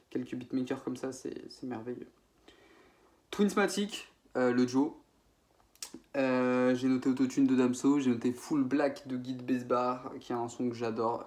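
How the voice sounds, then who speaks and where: A young man from France, casually ranking his favorite rap producers, rambling with many fillers and self-corrections. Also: medium pitch. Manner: slangy, informal French. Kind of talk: casual spoken ranking video.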